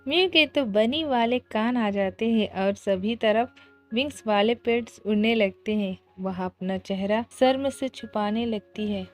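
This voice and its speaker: A woman telling a manga story in lively, conversational narration. Her voice sits a little high, and soft music plays underneath throughout. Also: unhurried.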